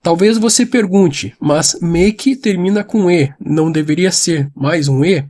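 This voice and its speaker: A man gives an online English lesson. His voice sits high but sounds soft and mellow, with no edge to it. He explains patiently, repeating each point and addressing the viewer directly. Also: measured pace. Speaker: English teacher.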